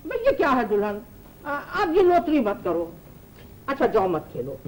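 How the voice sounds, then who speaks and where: An actress playing a playful, teasing older aunt who cheats at a board game, in an old TV drama. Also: female voice, a little high, big pitch swings, rough recording. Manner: playful and teasing, quick to laugh. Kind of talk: 1980s TV drama acting. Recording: old TV drama audio, light noise.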